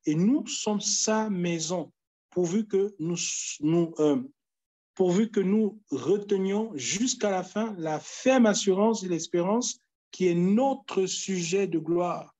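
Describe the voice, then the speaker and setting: A man preaching a sermon, pleading with his listeners and repeating phrases with emphatic pauses. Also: sits high, warm tone.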